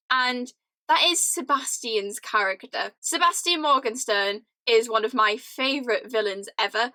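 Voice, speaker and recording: A young British woman ranting casually to camera, animated and laughing often, with lots of "like". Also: on the high side, no room sound. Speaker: vlogger. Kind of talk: casual chatty rant to camera.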